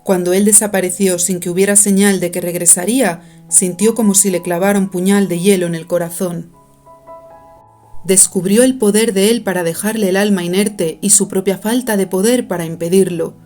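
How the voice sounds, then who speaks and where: Mellow-voiced woman narrating an audiobook. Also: mid-range voice, fairly even intonation, moderate pace. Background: faint music.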